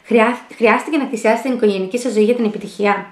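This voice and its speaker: A woman's voice: a little high, darkish tone, roomy sound, lightly acted. A woman reading the lines of a shy, flustered young female student, hesitant and stumbling.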